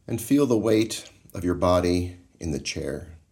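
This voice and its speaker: Slow, deep-voiced man guiding meditation. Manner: calm, slow, measured, soothing. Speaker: meditation guide.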